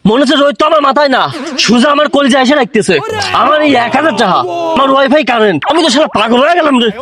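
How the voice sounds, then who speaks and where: A man playing a boastful, gullible villager in a comic drama, bragging excitedly. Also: sits high, fast talker, crowd noise.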